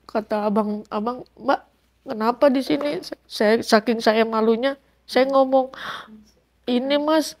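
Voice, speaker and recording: Middle-aged woman in an interview, high pitched, telling her story and acting out what people said. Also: measured pace. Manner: recounts events with quoted dialogue, animated. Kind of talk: emotional personal testimony.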